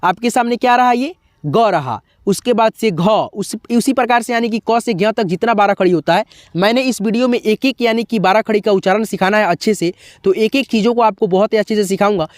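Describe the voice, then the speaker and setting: A man's voice: sits high, dry recording, studio quality. A man teaching a beginners' alphabet lesson, asking questions and answering them himself, then chanting syllables one by one. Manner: repetitive, asks and answers his own questions; drawn-out chanted syllables in drills. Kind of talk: blackboard-style alphabet lesson.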